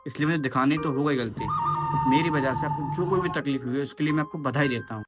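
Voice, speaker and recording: A man playing a bumbling, apologetic postman who pleads politely, with loud music behind. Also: on the high side, quick pace, close to an everyday voice.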